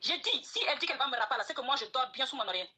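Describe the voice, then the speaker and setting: A woman's voice: high voice, expressive, very fast, bright, forceful tone, slightly rough. A woman talking heatedly on a live stream from home, insisting on her side, repeating herself and swearing oaths. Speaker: guest speaker on a live stream. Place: at home, neighbours nearby.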